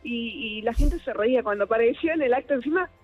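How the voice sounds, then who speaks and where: A woman's voice: fairly high pitch, expressive, fast, husky, faint music behind. A woman with a Córdoba Argentine accent calling in to a radio show, telling a story in a chatty, earnest way over a phone line. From Argentina, partly raised in Córdoba. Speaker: radio caller. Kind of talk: casual phone-in chat.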